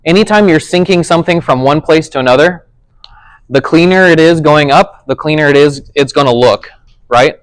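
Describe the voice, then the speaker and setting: A man's voice: fairly high pitch, moderate pace, no room sound, low-quality recording. A man teaching a casual tech class, explaining things conversationally and often checking whether his listeners follow. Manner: conversational, checks understanding with frequent "does that make sense".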